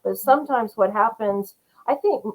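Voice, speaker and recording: A woman's voice: a little high, normal speed, rough recording. A middle-aged woman, a guest author on a podcast interview, talking in an earnest, rambling way with lots of fillers. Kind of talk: casual interview chat.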